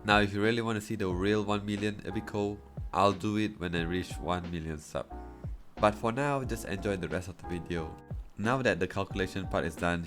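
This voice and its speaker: A man giving a chatty voice-over for his cooking vlog, explaining each step. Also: sits low. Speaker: cooking vlogger. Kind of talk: casual voice-over narration. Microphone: voice-over recorded separately from the footage.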